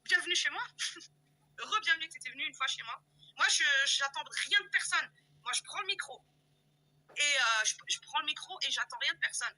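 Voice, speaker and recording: High, sharp-voiced woman ranting loudly. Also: animated, moderate pace, low-quality recording. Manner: loud-mouthed, insulting, confrontational; repetitive, emphatic, addresses viewers directly. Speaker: YouTube live streamer. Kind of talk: heated live-stream rant.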